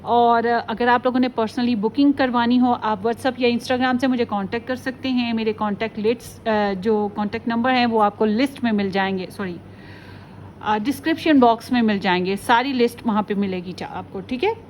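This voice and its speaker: A woman's voice: a little high, normal speed, darkish tone, a little hiss or hum. A woman tarot reader talking casually to her viewers, chatty and often slipping in English phrases. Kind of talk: casual pick-a-card tarot video.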